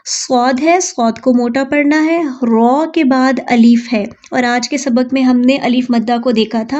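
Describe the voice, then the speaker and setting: A woman teaching Quran recitation, chanting verses slowly and drawn out, then explaining pronunciation patiently. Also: on the high side, a little mellow, dull audio.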